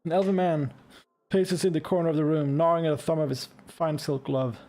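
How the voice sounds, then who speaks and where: Mellow-voiced man doing casual gameplay commentary. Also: fairly high pitch, steady tone, a little fast. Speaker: game player and commentator. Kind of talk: casual gameplay commentary with read-aloud narration.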